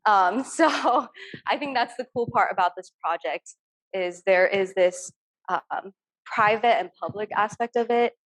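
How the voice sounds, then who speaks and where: Unhurried and a bit bright, her medium-pitched voice comes through a video call from a room at home. The young Turkish artist describes her work in a casual, earnest way, often pausing on um.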